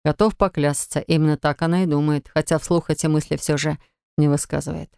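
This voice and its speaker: A woman reading first-person audiobook narration in a measured, even way. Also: low voice, vocal fry, clean tone, dry recording, clean studio sound.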